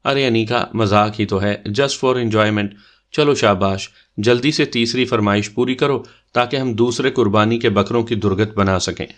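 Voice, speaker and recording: A playful young man who loves to tease, with a low, easygoing voice, running a game for his cousins in an audio love story. His lines are full of mock-formal banter and mischief. A man acts him out as he reads. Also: natural voice. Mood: teasing.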